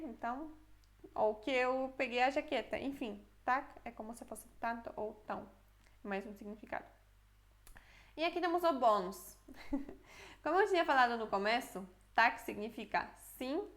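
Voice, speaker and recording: Young woman, kinda high voice, friendly language teacher explaining stuff. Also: fairly bright tone. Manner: friendly explaining, checks in with "ok?" often. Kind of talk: casual online language lesson.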